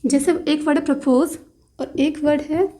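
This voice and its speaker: A woman with a high voice teaches a shorthand lesson. She talks through each rule and slows right down to spell out the example words letter by letter. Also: steady tone, warm tone. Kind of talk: explaining lesson.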